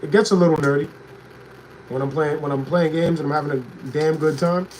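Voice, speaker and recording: Hyped young male streamer, noisy stream audio. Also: a little fast. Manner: animated, talks to chat, swings between hyped and low reflective. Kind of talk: casual stream chat. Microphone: no proper mic, built-in device mic.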